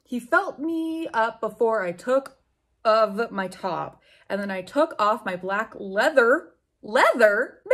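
Reading aloud from a small bookshelf-filled room at home, this twentysomething woman who makes book videos on YouTube reacts casually, with swearing and disbelief. Her voice is a little high with a breathy edge.

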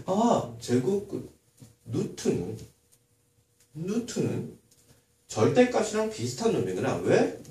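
Male math teacher, animated classroom delivery with constant rhetorical questions; distant mic, room echo. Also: fairly high pitch. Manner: lively, asks many rhetorical questions. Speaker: middle school math teacher. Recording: echoey room, far from mic, faint noise.

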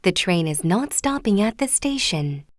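Here a woman's mid-range, sing-song voice delivers scripted public transit announcements at a very slow pace, formal and clearly articulated. She's an English-language station announcer reading brief train station messages, captured at studio quality with no room sound.

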